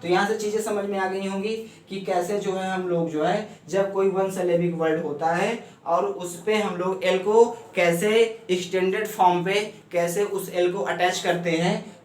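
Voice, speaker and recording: A man teaching shorthand step by step, explaining at a board in speech and often asking if it is clear. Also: high voice. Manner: steady, repeats "ठीक है ना" often. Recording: echoey room, mic far off, faint hum.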